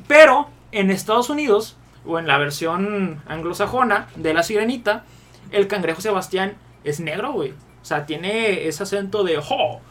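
A man's voice: high voice, fairly bright tone. A man with a Mexican accent co-hosting a casual podcast panel, rambling and peppering his talk with crude slang. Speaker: podcast co-host.

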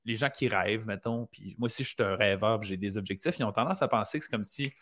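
A man's voice: lowish voice, fast talker, fairly bright tone, a little hiss or hum. A man with a Quebec French accent hosting an interview, reflective and circling his points with restarts. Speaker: podcast host. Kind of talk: conversational interview.

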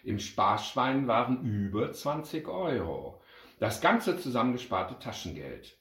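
Lively male storyteller, pitch roaming widely; roomy echo. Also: a little slow. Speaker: reader and club speaker. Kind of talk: reading a children's story aloud.

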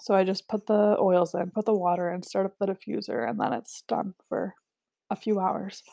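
A woman's voice: mid-range voice, steady tone, normal speed, gravelly, dark tone. A young woman casually walking through a product kit and its prices, chatty with many fillers. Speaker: essential oil seller.

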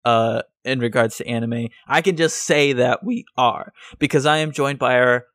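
A man's voice: medium pitch, fairly even intonation, moderate pace, a bit bright, no room sound, studio quality. A man hosting a casual podcast over an online voice call, joking, rowdy and swearing freely. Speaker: podcast host. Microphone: voice chat over an online call.

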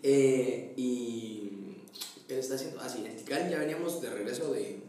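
A young man with a Guatemalan accent telling a story in casual chat, animated and quick to laugh, acting out his family. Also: medium pitch, distant mic, slight background noise. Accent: Guatemalan Spanish. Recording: echoey room, voice a bit off-mic, faint ambience.

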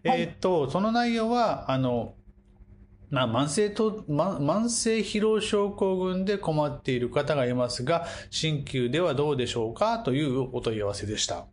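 A man's voice: on the high side, lively intonation, normal speed. A man with a Kumamoto accent hosting a casual podcast chat among acupuncturists, joking and slipping into broad dialect.

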